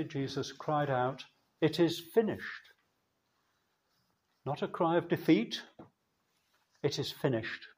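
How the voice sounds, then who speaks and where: A man preaching a sermon in a church, slow and measured, with emphatic pauses. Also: medium pitch, slightly rough.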